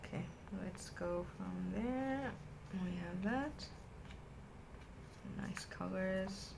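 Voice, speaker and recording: A woman's voice: medium pitch, extremely slow, creaky, noisy background. A woman vlogger chatting to camera indoors at a desk, gushing and rambling enthusiastically. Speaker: vlogger unboxing a stationery haul. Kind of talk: casual chat to camera.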